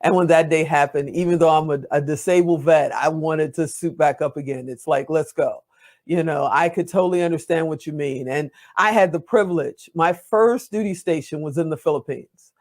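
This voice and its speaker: A woman's voice: deep voice, brisk, a little mellow. A woman in her fifties hosts a talk show interview. She is a veteran who chats in an encouraging, rambling way. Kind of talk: interview conversation.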